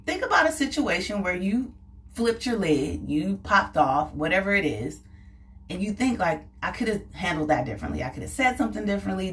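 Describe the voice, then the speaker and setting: Woman motivational speaker, low-ish voice, chatty and animated, a bit off-mic. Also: recorded from a distance. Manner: conversational, animated, acts out little scenes. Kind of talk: motivational talk to camera.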